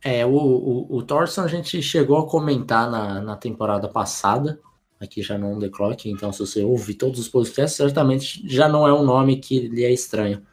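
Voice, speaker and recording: A man co-hosting a casual sports podcast, voice sitting at an ordinary middle pitch. He rambles along in a relaxed way, restarting sentences and filling pauses as he breaks down players. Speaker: podcast co-host.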